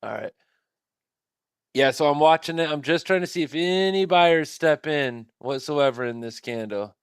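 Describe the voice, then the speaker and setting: A man's voice: fairly high pitch, expressive, normal speed, clean tone, no echo, clean studio sound. A man hosting a live trading stream, thinking aloud at his computer in a casual, rambling way.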